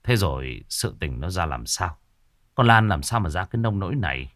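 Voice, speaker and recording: A man voicing a worried, heavy-hearted father in a ghost story, speaking slowly and anxiously. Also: deep voice, big pitch swings, fairly bright tone, dry recording, clean studio sound.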